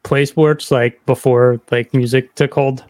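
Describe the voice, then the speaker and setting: An American man serves as podcast host and interviewer, moving between narration and casual interview. His medium-pitched, darkish voice is unhurried and flat in delivery, recorded with no echo.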